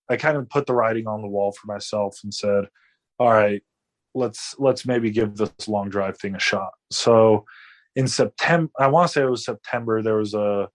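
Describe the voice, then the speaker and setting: Laid-back man in his late twenties. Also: fairly low pitch. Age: 20s. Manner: rambling, many fillers and restarts. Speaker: guest athlete. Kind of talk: casual interview storytelling.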